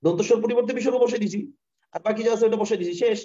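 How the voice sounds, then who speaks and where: A man with a Bangladeshi Bengali accent teaching grammar in a live online class over a computer mic. He explains step by step, repeats himself and keeps asking students if the concept is clear. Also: high-pitched, racing, dark tone. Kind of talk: live online lesson with screen share. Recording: dull, lo-fi online class audio.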